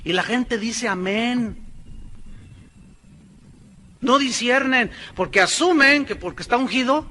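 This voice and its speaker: A male pastor preaching a sermon, emphatic, swinging between loud declarations and hushed asides. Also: very high-pitched, slow, long pauses, slight background noise.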